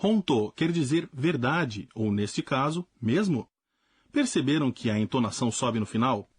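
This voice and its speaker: A man teaching a language lesson in a clear, explanatory scripted narration. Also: medium pitch, expressive, moderate pace.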